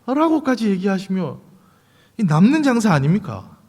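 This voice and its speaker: A man's voice: high voice, big pitch swings, moderate pace, a little mellow. A man, preaching a sermon as pastor, with rhetorical questions and light humor. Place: church sanctuary. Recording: long reverb of a church sanctuary.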